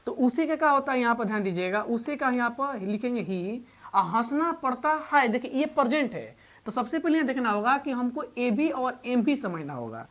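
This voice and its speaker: A woman teaching English grammar in Hindi. She repeats each example slowly and quizzes the learners as she goes. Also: on the high side, big pitch swings. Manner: addresses learners fondly as "babu". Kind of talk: Hindi-medium classroom grammar lesson.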